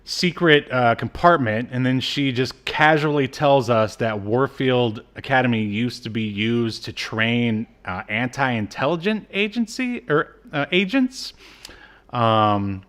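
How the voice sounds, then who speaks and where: With a mid-range, slightly bright voice and lively intonation, this male podcast co-host takes his time recapping a cartoon. The chat is casual and comedic, full of sardonic jokes.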